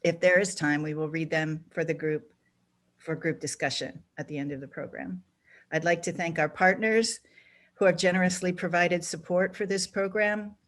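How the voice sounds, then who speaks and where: A program director hosts an online event over a video call from a home or office, introducing speakers earnestly with small restarts. Her voice is on the low side, with a steady tone and normal speed.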